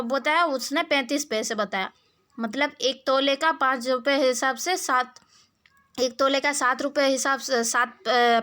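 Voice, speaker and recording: A woman's voice: high voice, pushed and bright. A woman teacher retelling a story to schoolchildren in Hindi-accented speech, often restarting and turning to the children with asides.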